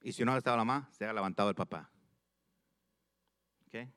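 A man preaching a sermon, reading scripture slowly and with emphasis, repeating phrases and putting questions straight to his listeners. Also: lowish voice, a bit bright, clear, resonant tone. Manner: addresses listeners directly with questions.

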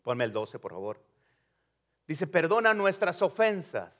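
Bilingual preacher, fairly high voice. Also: male voice, sing-song, unhurried, fairly bright tone. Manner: switches between Spanish and English, conversational preaching. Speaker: pastor. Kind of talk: bilingual sermon.

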